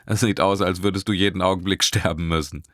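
Man reading a chatty teasing young woman driver, low-ish voice, dry close audiobook sound. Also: fairly even intonation, fast talker, fairly bright tone, no room sound. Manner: talkative, teasing, laughing often. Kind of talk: audiobook character voice.

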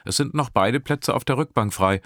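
A man voices a talkative young woman driver in an audiobook, teasing her passengers and laughing a lot. His mid-range, fairly bright voice is pitched above his own yet close to an everyday voice, delivered at a moderate pace. The recording is clean studio sound with no room sound.

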